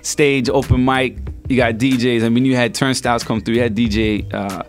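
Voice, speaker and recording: Soft background music accompanies a male rapper guest from El Salvador as he shares his story during a casual radio interview. He talks in a loose, slangy, easygoing way at medium pitch, keeping a moderate pace and fairly even intonation.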